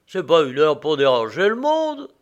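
A man voicing a rough, blunt condemned prisoner who talks in coarse working-class speech. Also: a little high, unhurried, lo-fi sound, voice pushed up, close to an everyday voice. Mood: gruff.

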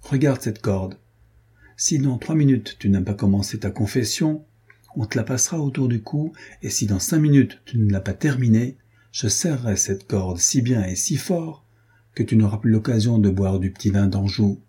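A man's voice: fairly low pitch, lively intonation, normal speed, warm tone, breathy edge. A man voicing a stern young nobleman in a storybook reading, speaking in a cool, threatening, firm way.

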